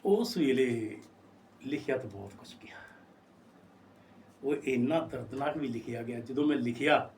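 A man's voice: mid-range voice, a little slow, long pauses, darkish tone, far from the mic, a little hiss or hum. A man in his sixties, a poet, telling stories in a casual interview and acting out the voices of people he quotes. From Punjab, India. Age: 60s. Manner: storytelling, acts out quoted voices.

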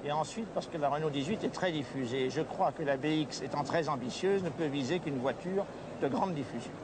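A man, a motoring journalist, giving crisp, assured answers in an interview at a busy exhibition hall. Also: a little high, a little fast, noisy background.

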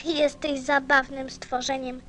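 A woman's voice: sits high, little pitch movement, unhurried, sharp tone. A woman playing a lonely, curious, innocent little boy prince in a radio play. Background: faint music.

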